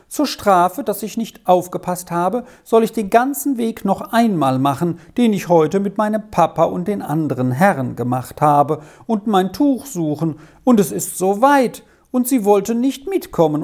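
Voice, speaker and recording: A narrator voicing an eager, talkative little girl who plays the piano, with a raised, lively voice. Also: medium pitch, pitched above the performer's own voice. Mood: delighted. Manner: bright, talkative, quick to explain. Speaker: child musician.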